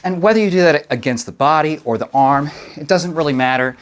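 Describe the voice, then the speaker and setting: A man's voice: fairly high pitch, a little fast. A man teaching a martial arts lesson, explaining moves step by step and checking in with short tag questions. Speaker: karate instructor.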